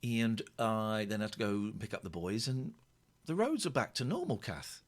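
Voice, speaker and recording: A man's voice: lowish voice, big pitch swings, normal speed. A middle-aged man hosting a casual late-night phone-in, playful and teasing. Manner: playful, teasing, breaks into laughter. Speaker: radio host. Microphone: studio mic.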